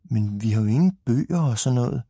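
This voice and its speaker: A man's voice: mid-range voice, animated, mellow, husky, no room sound, clean studio sound. A man doing a proud little know-it-all girl. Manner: proud, explaining.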